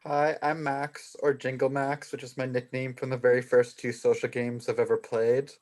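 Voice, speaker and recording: A young man from Canada introduces himself in a level, even voice. He sounds relaxed and matter-of-fact. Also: mid-range voice, normal speed. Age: 20s. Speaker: game player.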